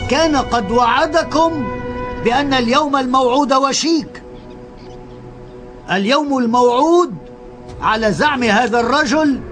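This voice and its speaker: An actor playing a haughty Roman crier who declaims accusations as a herald in a dubbed historical drama. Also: male voice, very high voice.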